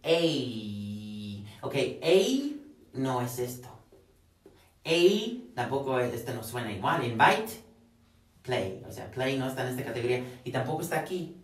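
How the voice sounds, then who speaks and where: A man teaching a pronunciation lesson in a classroom, repeating words slowly for his students to drill. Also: medium pitch, sing-song. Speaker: English teacher. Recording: echoey room, mic at a distance.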